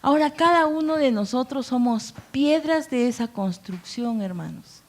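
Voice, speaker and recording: A woman pastor delivers a sermon in a slightly high voice. She talks with her congregation as much as at them, asking rhetorical questions and briefly acting out the people in her stories. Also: animated, moderate pace. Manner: conversational preaching with rhetorical questions; acts out quoted voices with playful asides.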